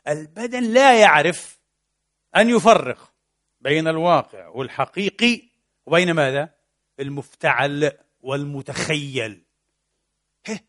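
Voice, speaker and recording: A man giving a lively religious lecture, asking rhetorical questions and answering them himself, mixing colloquial and formal with English technical terms. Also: fairly high pitch, unhurried, long pauses. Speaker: preacher and lecturer.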